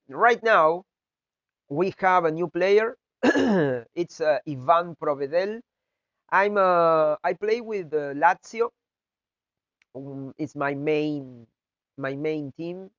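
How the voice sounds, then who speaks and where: A video game content creator whose first language isn't English gives a casual gameplay tutorial while he has the flu. His voice is nasal, congested, and on the high side, and his speech halts often with fillers and restarts. The recording is dry.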